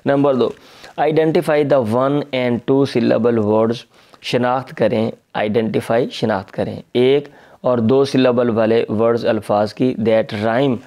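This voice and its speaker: A man teaching young children English, taking each phrase very slowly. His voice sits at an ordinary middle pitch. He repeats words patiently and clears his throat from time to time. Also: darkish tone. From Pakistan. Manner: reads each English phrase slowly, then explains it in Urdu. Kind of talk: slow line-by-line lesson translating English into Urdu.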